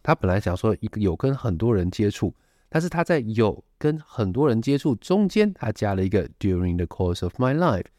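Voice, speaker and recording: A man with a fairly low voice hosts an English lesson, reading a storybook aloud and then breaking down pronunciation with demos. His delivery is animated and swings widely in pitch. The sound is dry and close, with no room echo. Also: normal speed. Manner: lively, explains with many examples and sound demos. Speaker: English teacher and host.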